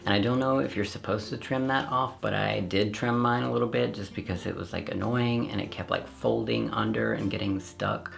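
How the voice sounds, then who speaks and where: A man's voice: fairly low pitch, steady tone, brisk, vocal fry, few pauses. A man chatting casually through a product review, self-deprecating and rambling with fillers. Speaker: vlogger reviewing hair systems.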